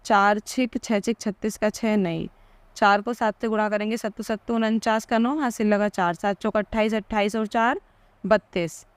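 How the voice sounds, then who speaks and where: A woman's voice: medium pitch, steady tone, moderate pace, no room sound. A woman teaching maths, asking questions and answering them herself as she explains each step.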